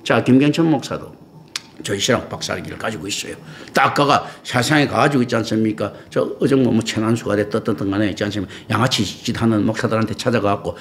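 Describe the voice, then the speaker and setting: A man's voice: fairly low pitch, fast talker, fairly bright tone, slight background noise. A middle-aged man preaching a sermon as pastor, in blunt everyday language, firing off rhetorical questions and acting out imagined speakers in quoted asides.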